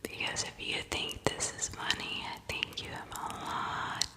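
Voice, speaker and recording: Slow, whispering woman doing ASMR. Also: in a large hall. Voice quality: breathy unvoiced whisper. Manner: soothing, reassuring, with repeated words. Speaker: ASMR livestream host. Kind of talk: whispered ASMR, chatting to live viewers.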